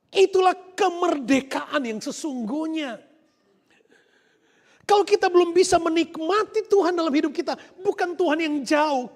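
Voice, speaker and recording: A male pastor preaching a live-streamed church sermon, swinging between soft asides and loud emphatic lines. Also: very high voice. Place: church hall. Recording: long church hall reverb.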